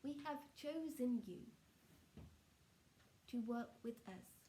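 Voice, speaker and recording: A woman speaking as a trance channelling seance medium, solemn and measured, delivering spiritual messages in short halting phrases. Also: a little high, lively intonation, warm tone, slight background noise.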